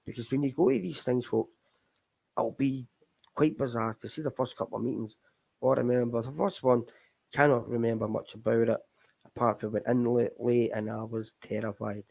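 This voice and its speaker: Middle-aged Scottish man, recovery show host, gravelly and low-toned, loose candid ramble. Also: steady tone, moderate pace, a little mellow, rough recording. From Scotland. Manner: candid, rambling, addresses listeners as folks. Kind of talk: casual live chat.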